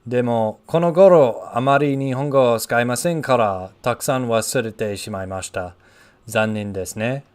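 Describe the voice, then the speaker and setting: A gaming streamer in his thirties chats casually during a let's play, rambling into asides as he plays a video game. His voice is mid-range and darkish in tone, and he talks fairly quickly.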